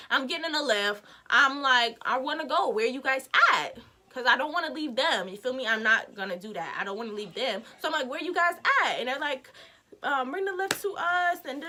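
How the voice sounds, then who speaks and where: Young woman vlogger, storytime delivery, high bright voice, animated, slangy. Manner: animated, swings loud to hushed, slangy. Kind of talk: storytime vlog.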